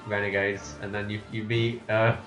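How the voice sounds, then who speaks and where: Casual male podcaster, halting and digressive, in a roomy room on a somewhat lo-fi mic. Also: on the low side, flat delivery, over music. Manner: rambling, halting, with frequent restarts and laughs. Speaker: podcast host. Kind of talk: casual chat, recapping a game plot from memory. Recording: roomy, slightly dull home recording.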